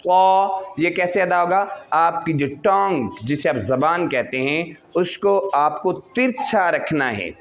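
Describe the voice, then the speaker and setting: A man with a Pakistani Urdu accent teaching a class how to recite, drawing out sounds slowly to model them and asking and answering his own questions. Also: fairly high pitch, animated, slight background noise.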